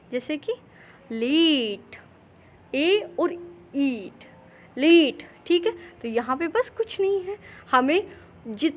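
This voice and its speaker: High-voiced woman teaching pronunciation. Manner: slow, drawn-out demonstration of English words; repeats "theek hai" to check in. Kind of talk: phonetics lesson in Hindi.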